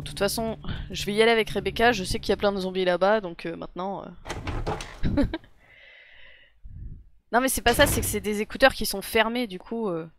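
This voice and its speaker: A young woman from France playing a horror video game live, chatting to her viewers and laughing at her own mistakes. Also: mid-range voice. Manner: giggly, self-mocking, talks to chat. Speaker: gaming streamer. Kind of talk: let's play commentary. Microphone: desk mic with headphones.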